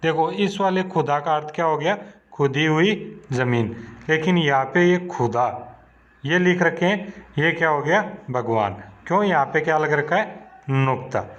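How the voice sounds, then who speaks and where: Give me a patient male teacher who speaks very slowly and asks questions that he answers himself, on a dull lo-fi recording. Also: fairly high pitch, a bit bright. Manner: patient, repeats questions and answers them himself, calls students "beta". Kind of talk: slow classroom explanation to children.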